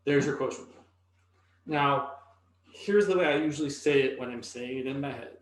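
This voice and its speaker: A man's voice: mid-range voice, moderate pace. A man teaching calculus in a lecture, thinking aloud as he writes on the board. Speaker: math instructor. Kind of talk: recorded classroom lecture. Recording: echoey room, voice from a distance.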